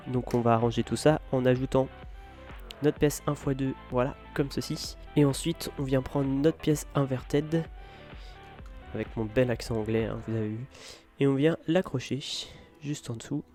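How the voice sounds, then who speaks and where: A man guiding viewers through a building tutorial in a relaxed, hesitant way, with many fillers. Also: mid-range voice. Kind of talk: casual step-by-step tutorial.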